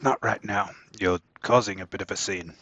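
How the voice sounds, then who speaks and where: A man voicing a nervous male goblin commoner who speaks quietly and secretively. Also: fairly low pitch, moderate pace, no room sound. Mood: hushed. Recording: dull lo-fi dry mic.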